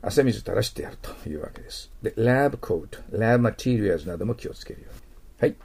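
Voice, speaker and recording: A middle-aged man teaching TOEIC English vocabulary, explaining words and slowly modeling their English pronunciation. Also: fairly low pitch, animated, creaky, a little mellow, breathy edge.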